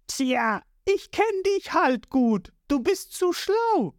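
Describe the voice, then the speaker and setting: A woman's voice: high-pitched, very animated, takes it slowly, no echo, clean studio sound, pitched above the performer's own voice, full character voice. A woman voicing a greedy young female thief who speaks in a curt, scornful way. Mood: wary.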